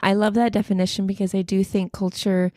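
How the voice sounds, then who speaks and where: A woman's voice: medium pitch, level tone, fairly quick, warm tone, dry recording, clean studio sound. A woman from the United States hosting a casual podcast, chatty and upbeat, often affirming her co-host. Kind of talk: casual conversational podcast chat.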